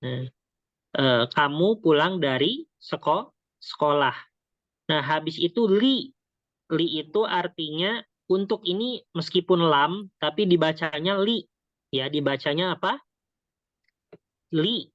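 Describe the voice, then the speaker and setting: A patient teacher leads a beginner class at a slow, careful pace, repeating words and quizzing the students as it goes. Words are often broken off mid-syllable and then finished. The sound is dry and dull, like a lo-fi recording. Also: medium pitch, animated, a bit bright, no echo. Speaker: Arabic teacher. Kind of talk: beginner language lesson.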